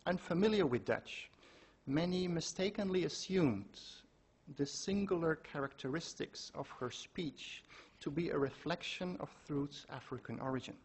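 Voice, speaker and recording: A man giving a measured academic lecture, reading out quotations from his sources. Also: on the high side, breathy edge. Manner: measured, quoting sources aloud. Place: lecture hall.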